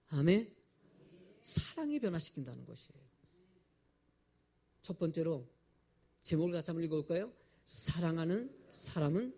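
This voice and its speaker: A male pastor delivers an animated sermon and puts questions to his congregation. His voice sits high for a man and swings widely in pitch. There is a gravelly edge to it.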